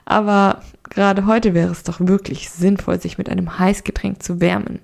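A woman's voice: mid-range voice, flat delivery, normal speed, vocal fry, darkish tone. A woman voicing a friendly bearded man who teases a coworker in an easygoing, playful way. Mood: teasing.

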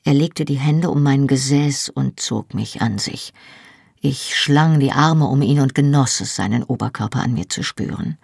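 A woman narrating an audiobook in first person, calm and intimate. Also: extremely low pitch, normal speed, gravelly, husky, no echo, studio quality. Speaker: audiobook reader.

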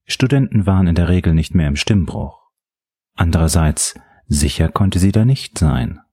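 Deep, husky male audiobook narrator. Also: no echo, studio quality. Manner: measured, steady storytelling.

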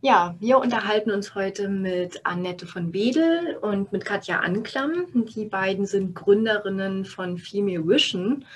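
A woman's voice: medium pitch, a little slow, hardly any pauses. A woman hosting a conversational interview in an office space, with frequent fillers. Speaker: podcast host.

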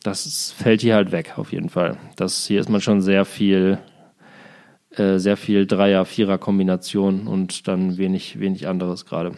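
A man's voice: low-pitched, little pitch movement, normal speed, darkish tone. A man in his thirties, co-hosting a casual chat, rambling with many fillers and dry jokes. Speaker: podcast co-host.

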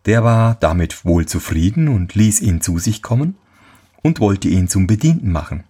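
A man reading a fairy tale aloud with expressive, lively storytelling intonation. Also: on the low side, normal speed, slightly rough.

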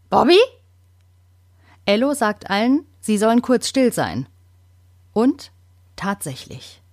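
A woman's voice: medium pitch, no room sound, studio quality. Woman reading a children's story. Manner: calm, clear storytelling. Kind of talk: scripted narration for children.

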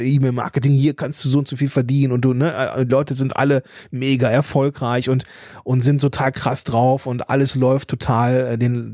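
Medium-pitched and darkish in tone, a German podcast host in his thirties muses aloud about personal matters, stumbling into restarts, fillers and a mild stutter on some consonants. The sound is studio quality with no echo.

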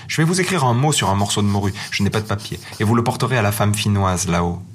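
A man's voice: on the low side, animated, fast, a little hiss or hum, lightly acted. A man voicing a poor, kindly old woman of the far north in a storybook reading. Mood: sympathetic. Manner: exclaiming, sympathetic.

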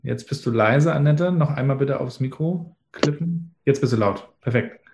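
A man's voice: mid-range voice, moderate pace, noisy background. Upbeat man moderating an online panel.

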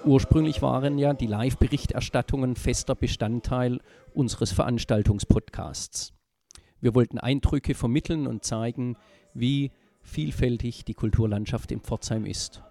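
A man presenting a local culture podcast in a friendly, measured way, then interviewing people on the street. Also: mid-range voice, creaky, warm tone, soft background music. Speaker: podcast reporter.

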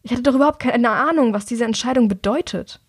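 A woman's voice: a little high, fast, slightly rough, no echo, studio quality. A woman narrator voicing a troubled, withdrawn young man who speaks in a tense, subdued way. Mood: strained.

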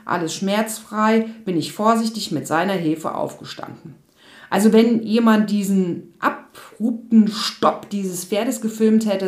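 A woman telling a personal story in a lively, animated way, acting out the voices of the people in it. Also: mid-range voice. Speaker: storyteller recounting a riding accident. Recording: echoey room.

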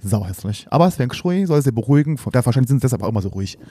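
A man chatting casually on a podcast, telling stories in an animated, exaggerated way. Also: medium pitch, very fast, slightly rough, no room sound, clean studio sound. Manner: animated storyteller who exaggerates for laughs. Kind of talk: casual chat.

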